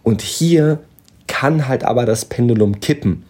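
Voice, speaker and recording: Man, fitness podcast host, motivational, slangy, mellow husky voice, poor low-quality audio. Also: unhurried. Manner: motivational, plain-spoken, slangy. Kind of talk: casual podcast monologue. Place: on vacation.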